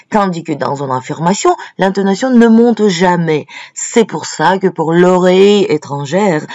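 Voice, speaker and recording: Woman narrating a lesson, slow careful explaining, kinda muffled lo-fi audio. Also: fairly low pitch, dark tone, no room sound. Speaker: language teacher.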